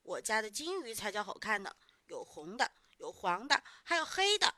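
A woman doing a cocky little village boy from a children's storybook, eager and loud in his bragging. His bright voice swings up and down. It is recorded close and dry. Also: medium pitch, very animated, normal speed, dry recording. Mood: sulky. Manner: eager, boastful, shouty.

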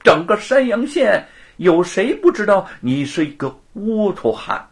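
A man voicing a gloating, sneering young rich lord who taunts and cackles in a high, shrill voice. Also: huge pitch swings, slow pace, a bit bright, slightly rough, full character voice. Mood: taunting.

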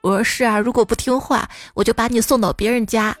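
Playful high-voiced woman host. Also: fast talker, no echo. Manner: playful teasing commentary, lively mimicking of children's lines. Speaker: radio show host. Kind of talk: reading listener messages with comic asides.

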